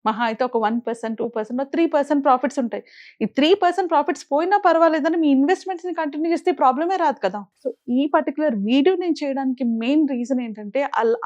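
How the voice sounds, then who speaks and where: A woman's voice: high voice, a little mellow, muffled recording. A woman financial advisor earnestly explaining investing mistakes and putting pointed questions to the viewer.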